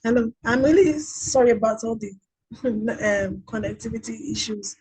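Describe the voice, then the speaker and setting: A woman on a video call whose audio keeps breaking up from a bad internet connection, giving halting, apologetic closing remarks as a conference panelist. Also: a little high, steady tone, darkish tone, breathy edge, poor audio. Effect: choppy, breaking-up internet audio.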